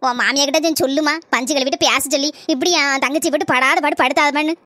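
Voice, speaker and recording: A woman's voice: sits high, fairly even intonation, fast, sharp tone, dry recording, studio quality. A fretting middle-aged mother, Kanyakumari accent. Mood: lamenting. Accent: Kanyakumari Tamil. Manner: pleading, lamenting. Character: anxious middle-aged mother worrying about family.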